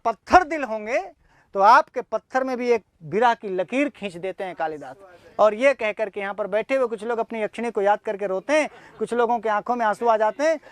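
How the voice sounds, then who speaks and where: A man's voice: high voice, a bit bright. A man teaching a class, lecturing emphatically with many rhetorical questions, in a classroom with students. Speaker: Sanskrit teacher.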